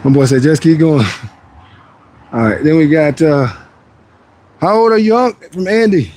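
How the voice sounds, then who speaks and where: A man in his forties talks in a relaxed, rambling way, answering chat questions between workout sets. His voice sits a little higher than most men's. It is casual livestream chat. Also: unhurried, a little hiss or hum. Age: 40s. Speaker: fitness livestreamer.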